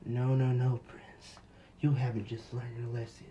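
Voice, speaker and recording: A man's voice: mid-range voice, flat delivery, measured pace, mellow, highs cut off, slight background noise, lightly acted. A man playing a smug, taunting warrior brute. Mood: mocking. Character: cocky, mocking young male warrior brute.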